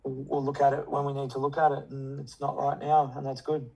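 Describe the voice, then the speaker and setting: A man's voice: medium pitch, completely flat delivery, brisk, gravelly, a little mellow, poor audio. A man chatting casually in a rambling, slangy, sweary way. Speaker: coaching client. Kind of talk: casual chat.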